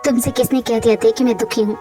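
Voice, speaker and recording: A woman doing a soft-spoken young husband. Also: on the high side, steady tone, fast, over music, voice pushed down, lightly acted. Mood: reassuring. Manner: soft, soothing, reassuring. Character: gentle young husband comforting his wife. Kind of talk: fan-dubbed romantic audio drama.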